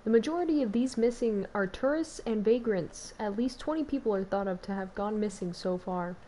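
A woman's voice: medium pitch, animated, brisk, dark tone, slight background noise, lightly acted, rough recording. A woman putting on a newsreader voice. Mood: mock-serious. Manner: mock-formal newsreader delivery. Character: woman news reporter reading a bulletin.

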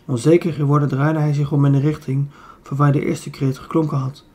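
A man's voice: on the high side, little pitch movement, brisk, dark tone. A man with a Dutch accent reading a children's book aloud, with small slips he corrects as he goes. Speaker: audiobook reader.

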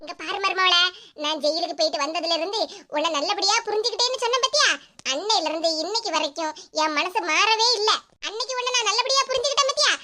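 A woman's voice: extremely high pitch, fast, sharp tone. A woman voicing a scheming, quarrelsome old mother-in-law in a cartoon, with a Tirunelveli Tamil accent and a scolding, theatrical manner. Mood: plotting. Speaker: cartoon voice actor. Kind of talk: comic cartoon voice acting. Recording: noisy recording.

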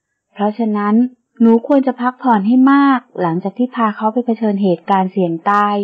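A woman reading an audio novel, voicing a caring middle-aged mother who talks in a gentle but firm, soft, lowered voice. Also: a little fast, slightly rough, phone-quality sound, lightly acted.

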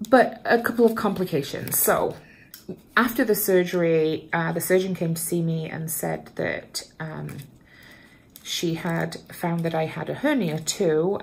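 A woman with a low voice and a gravelly edge chats to her viewers while repotting plants at home. She is bubbly and self-deprecating, laughs at her own slips, and talks into a camera propped up in front of her. The tone stays casual and easygoing. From Canada. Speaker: plant vlogger.

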